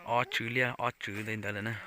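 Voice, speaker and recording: A man's voice: on the low side, flat delivery, fairly quick, bright, forceful tone, slight background noise. A man vlogging outdoors near a stream, chatting casually as he explains what he is doing. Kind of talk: casual talk while working.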